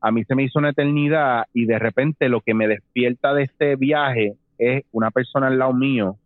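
A man, telling a long personal story in casual talk, animated and mixing in English phrases. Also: medium pitch, moderate pace, no room sound. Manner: animated, mixes English phrases, acts out voices. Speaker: storyteller guest. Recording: tinny phone-like dry sound.

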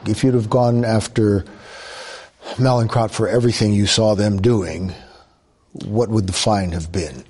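A man's voice: on the low side, fairly even intonation, unhurried, pauses often, a little mellow. A man interviewing for an investigative news exposé, with pointed, pressing questions.

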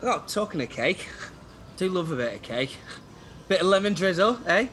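A cheesy, upbeat gym trainer, played by a man, full of chirpy coaching patter. His pitch rises and falls a lot. A faint hiss of noise runs underneath. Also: big pitch swings, moderate pace, fairly bright tone. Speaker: personal trainer. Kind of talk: sitcom acting.

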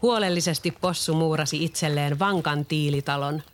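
Steady children's-story narrator, middle pitch, faint hiss behind. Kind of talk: storybook read-aloud.

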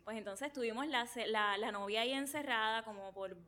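A woman with a Puerto Rican accent, a wedding coordinator telling a story in lively, animated casual talk. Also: on the high side, fairly quick.

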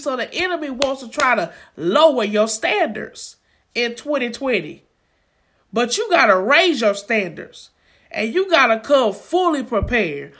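A woman co-hosting a faith podcast exhorts her listeners in a preaching style, repeating phrases for emphasis. Her voice is fairly high and fairly bright.

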